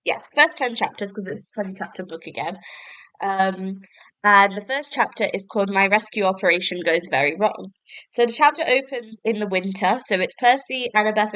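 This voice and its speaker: This young woman's mid-range, fairly bright voice comes through a clean, dry recording that is still rough. She's hosting her own casual book-review podcast alone, a bit stuffed up from a cold, chatting and rambling with plenty of fillers.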